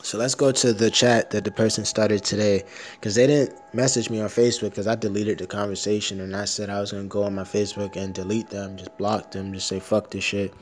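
A man's voice: fairly low pitch, level tone, a little fast, faint music behind. A man talking in a casual, blunt rant full of profanity and slang, sometimes reading an article aloud. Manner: uses slang like "bro".

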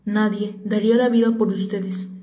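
A woman's voice: mid-range voice, little pitch movement, normal speed, warm tone, close to an everyday voice. A woman reading as an earnest young prince. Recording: roomy echo.

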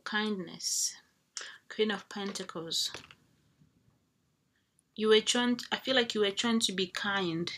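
A tarot reader does a casual reading for viewers, thinking out loud and rambling with fillers and restarts as she draws cards. Her voice is medium in pitch with a fairly bright tone.

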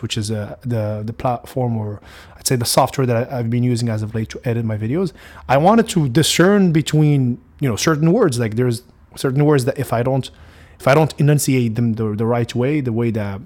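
This podcast host is a young man from Morocco whose native tongue is Arabic, and his Moroccan accent comes through. His voice sits at medium pitch with a darkish tone. Talking alone in a relaxed way, he wanders from point to point with frequent fillers and restarts.

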